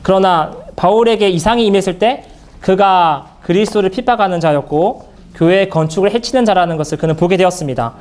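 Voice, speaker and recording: A man speaking at a church Bible seminar in an earnest, halting way, with many fillers and restarts. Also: high voice, darkish tone.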